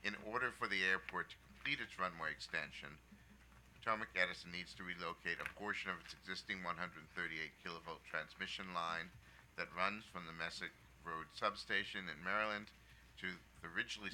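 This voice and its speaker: Deep, very forceful formal man. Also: brisk, slight background noise, poor audio. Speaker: staff counsel. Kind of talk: formal prepared presentation to a commission.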